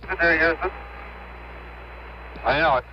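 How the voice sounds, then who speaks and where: A man's voice: fairly high pitch, unhurried. A man talking in terse, clipped mission radio calls over a crackly, breaking-up space radio link. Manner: terse, procedural call-and-answer. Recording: muffled, hissy radio transmission.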